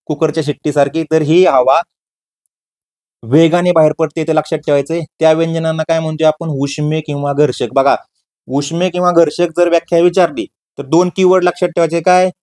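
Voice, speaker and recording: A man's voice: a little high, little pitch movement, fairly quick, a little mellow. A man teaching an exam-prep grammar lesson, firing questions at his students and answering them himself, repeating key words.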